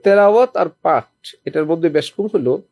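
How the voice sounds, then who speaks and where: A man's voice: on the high side, lively intonation, normal speed, darkish tone, no room sound. A man preaching a sermon to a small gathering, reciting verses as examples and putting questions to his listeners. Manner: teaching with recited Quranic examples. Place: lodging during a visit to a holy city.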